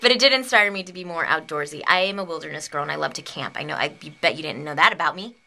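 A woman in her twenties vlogs casually, rambling and giggling, sleepy and a bit delirious, bubbly, sometimes dropping to a whisper. Her low voice is fast, creaky, pushed, and bright. She holds a handheld camera close to her face in a small home video studio with a big red chair and green screen.

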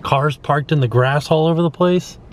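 A man's voice: a little high, normal speed, slight background noise. A man in his thirties, a vlogger, chatting upbeat about prices while browsing a busy store on a handheld camera. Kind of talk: casual vlog narration. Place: busy outlet store and parking lot.

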